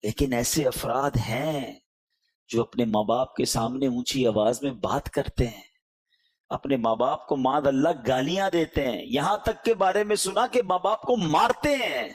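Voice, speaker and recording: A male preacher with a Pakistani Urdu accent giving an emotional sermon, pleading with listeners and swinging between loud appeals and hushed words. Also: mid-range voice, animated.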